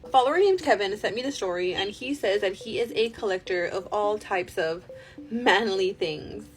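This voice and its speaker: A woman host telling spooky stories in a casual, animated, conversational way, drawing out words for suspense. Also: mid-range voice, a little fast. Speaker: host reading follower-submitted spooky stories. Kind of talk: casual spooky storytelling to camera. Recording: music behind the voice. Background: music.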